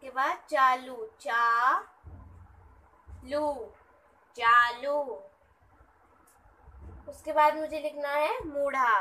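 A woman teaches young children, breaking every word into syllables. Her voice is high and bright, and she speaks very slowly. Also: steady tone, rough recording. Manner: sounds words out syllable by syllable. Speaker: teacher of a kids' channel. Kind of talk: children's writing lesson.

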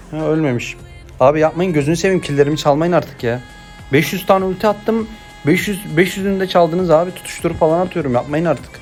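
Excitable young man doing gameplay commentary. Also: a little high. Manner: excitable, swings between chatty asides and shouted play-by-play. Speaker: gameplay streamer.

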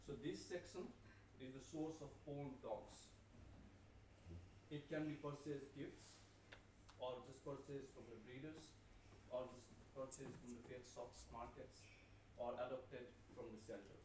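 A man's voice: mid-range voice, steady tone, measured pace, long pauses, background noise. A middle-aged man from Nepal presenting at a podium in a conference hall, speaking politely with frequent ums and restarts. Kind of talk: conference talk with slides.

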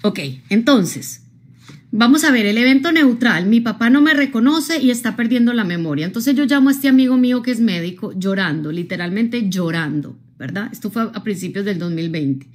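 Speaking at normal speed in a voice on the high side, a woman from Colombia livestreams a motivational talk. She addresses viewers head-on with expressive energy, regularly checking in and tossing in tag questions.

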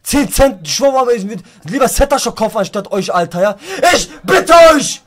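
A man playing a football video game on stream, cursing and raging at his losses in loud outbursts. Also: high voice, lively intonation, fairly quick. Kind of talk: casual gaming stream banter.

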